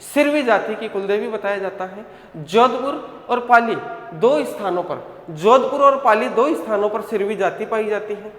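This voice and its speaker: A man's voice: high-pitched, moderate pace, a bit bright. A male teacher giving an online coaching lecture, drilling his students with repeated questions and answers and calling them "beta". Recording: echoey hall sound.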